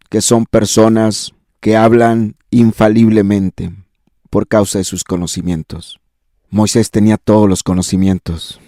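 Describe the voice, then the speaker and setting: A man's voice: fairly low pitch, mellow, dry recording, clean studio sound. A man preaching a sermon in an emphatic, repetitive cadence with rising exclamations. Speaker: pastor.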